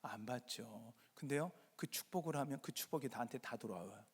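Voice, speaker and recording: A man's voice: mid-range voice, fairly quick, husky. A male pastor from Jeolla preaching a sermon to his congregation, posing rhetorical questions and answering them himself. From Jeolla, Korea. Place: church sanctuary. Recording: reverberant church hall.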